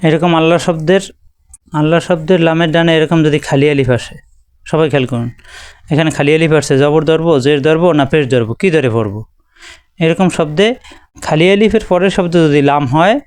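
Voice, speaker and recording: A man with a Bangladeshi Bengali accent teaching a patient, step-by-step Quran reading lesson, repeating letters slowly. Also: fairly high pitch, a little mellow, clean tone, no room sound.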